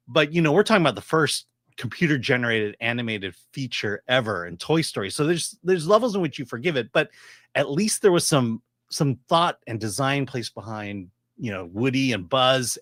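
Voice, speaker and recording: A middle-aged man reviews films casually in a voice of average pitch. He explains his opinions haltingly, and the sound is dry and free of room echo. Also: fairly bright tone. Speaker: film reviewer. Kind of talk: casual movie commentary.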